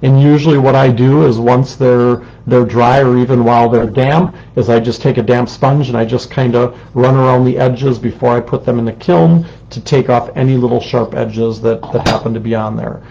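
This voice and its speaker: A man's voice: mid-range voice, fairly even intonation, moderate pace, gravelly, few pauses, mellow, dull audio. A man teaching a ceramics lesson on a live stream, chatty and explanatory, with lots of ums, talking at a desk microphone with a fan running in the room. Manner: chatty, explanatory, says um often. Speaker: ceramics instructor. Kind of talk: live-streamed craft demonstration. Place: indoor studio with a fan running. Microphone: desk microphone, sitting close.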